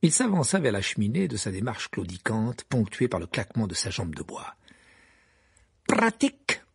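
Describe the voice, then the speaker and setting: Guy reading an audiobook, lively up and down voice, kinda husky. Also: lowish voice, brisk, no echo, studio quality. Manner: expressive storytelling. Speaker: audiobook narrator. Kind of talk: scripted narration.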